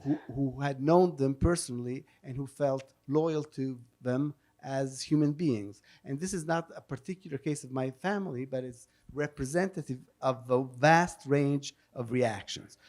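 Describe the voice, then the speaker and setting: A man of medium pitch talks in an unhurried, darkish way, with almost no pauses. He moderates a public panel, explaining and translating off the cuff, carefully and with repeated self-corrections. It's a live event with audience questions, and the talk consists of spontaneous panel answers and spoken translation.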